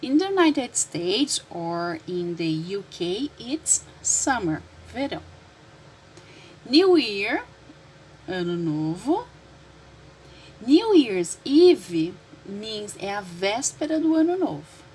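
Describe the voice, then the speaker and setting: A woman teacher with a Brazilian Portuguese accent, a native Portuguese speaker, explaining English words slowly and repeating them for her learners. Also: medium pitch, big pitch swings, darkish tone, slight background noise, poor audio. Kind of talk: classroom lesson explaining vocabulary.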